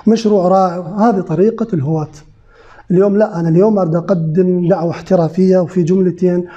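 Male sales trainer, fast and high, repeats his points; muffled recording. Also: warm tone. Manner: asks the room questions, repeats key phrases. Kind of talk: lecture to a live group. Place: training center lecture room.

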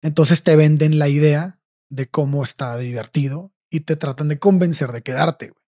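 A man's voice: on the high side, moderate pace, mellow. A young Mexican man telling a personal story in casual, slang-heavy chat, swearing freely and tagging his phrases with "güey".

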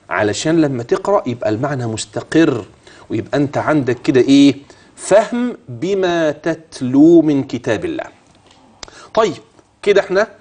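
Here a middle-aged man teaching tajweed on television, with an Egyptian Arabic accent, quizzes viewers and shows how to recite in a slow chant. His pitch is fairly high and his tone darkish.

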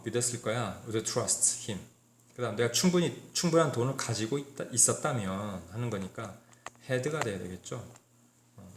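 A man's voice: medium pitch, reverberant, a little hiss or hum. A man teaching an exam-prep English grammar lesson, walking through problems step by step and checking in with his students.

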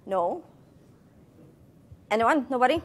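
A woman scientist giving a public science lecture with a somewhat high voice. She talks playfully, throws questions at the audience and slips jokes in between the facts. Her delivery is animated and conversational. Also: takes it slowly, a little hiss or hum.

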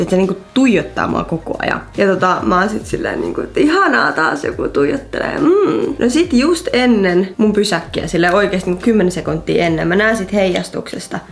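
A woman of about twenty, a vlogger chatting casually and telling animated stories to her viewers. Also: medium pitch. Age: around 20. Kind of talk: casual storytelling vlog.

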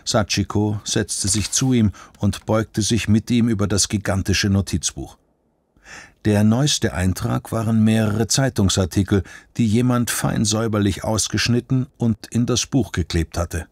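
A man narrating an audiobook in a steady, measured storytelling manner. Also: on the low side, no room sound.

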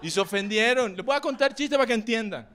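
Young male stand-up with a Colombian coastal accent, brash and profane, high-pitched, on a noisy live club recording. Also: lively intonation, fast talker. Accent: Colombian coastal Spanish. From Colombian Caribbean coast. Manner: brash, profane, acts out loud characters. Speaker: stand-up comedian. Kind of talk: stand-up comedy set. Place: comedy club stage. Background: audience laughter and room ambience.

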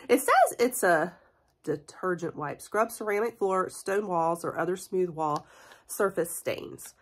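A woman in her forties chatting excitedly through a haul review vlog, stuffy from a cold, laughing often. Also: on the low side, takes it slowly, breathy edge. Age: 40s. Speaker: beauty and haul vlogger. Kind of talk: casual product review vlog.

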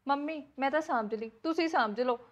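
ਇੱਕ ਔਰਤ ਪੰਜਾਬੀ ਲਘੂ ਫ਼ਿਲਮ ਵਿੱਚ ਜ਼ਿੱਦੀ, ਸ਼ਹਿਰੀ ਨੂੰਹ ਦਾ ਕਿਰਦਾਰ ਨਿਭਾ ਰਹੀ ਹੈ, ਜੋ ਜ਼ੋਰ ਦੇ ਕੇ ਸ਼ਿਕਾਇਤਾਂ ਕਰਦੀ ਹੈ।. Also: female voice, high voice, moderate pace, highs cut off, close to an everyday voice. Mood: defiant. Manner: insistent, complaining, argumentative. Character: young city-bred woman, stubborn and demanding. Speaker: new daughter-in-law. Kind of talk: Punjabi short film acting.

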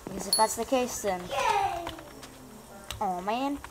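A woman's voice: medium pitch, takes it slowly, very noisy. A woman giving casual gameplay commentary, rambling and poking fun at herself. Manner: rambling, self-mocking, chatty. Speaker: gaming YouTuber.

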